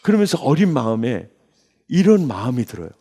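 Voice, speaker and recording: A man in his sixties, a pastor, telling his testimony in a sermon with emotional storytelling that jumps into high bursts. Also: big pitch swings, a little fast, dark tone, slightly rough. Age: 60s. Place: church sanctuary.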